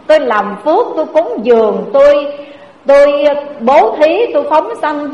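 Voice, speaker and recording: A woman's voice: high voice, darkish tone, muffled recording. A woman voicing a tearful, pleading wife in a sermon parable, in an echoey hall. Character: tearful, loyal-sounding wife, adult woman. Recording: echoey hall with faint ambience.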